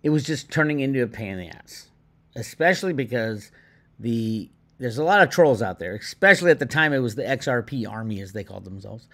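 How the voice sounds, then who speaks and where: A man hosting his own online video channel, ranting in a casual, animated way with lots of restarts and indignant asides. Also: medium pitch, a little fast. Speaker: crypto video host. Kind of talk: casual commentary to viewers.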